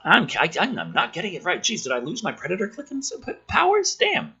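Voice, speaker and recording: On a lo-fi recording, a man speaks fast in a high-sitting voice with huge pitch swings, his tone pushed and bright with a breathy edge. Being a bit ill has left his throat slightly sick. He's a host reading a film script aloud and tearing into it, ranting and joking with sweary, sarcastic exasperation.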